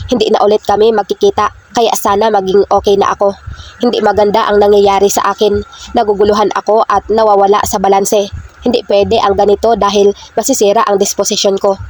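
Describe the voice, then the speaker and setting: A woman narrating a first-person romance novel as a reader, reading in a flat, steady way. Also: mid-range voice, a little fast. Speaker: audiobook reader. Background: faint background music.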